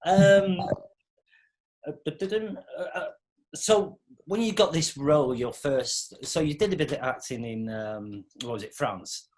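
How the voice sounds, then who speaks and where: A man interviewing on a video call. He often restarts his questions in a halting, encouraging way. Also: a little high, a little mellow, rough recording. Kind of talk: casual interview.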